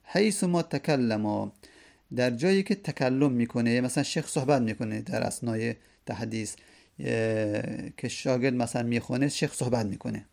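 A man teaching a lesson, who reads classical verses slowly and then explains them at length. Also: medium pitch, vocal fry, a little mellow. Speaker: teacher of hadith studies.

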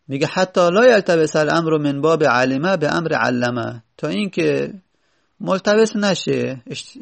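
A man's voice: fairly high pitch, gravelly. A man teaching Arabic grammar in a seminary-style lecture. He reads short Arabic phrases, then explains and repeats them.

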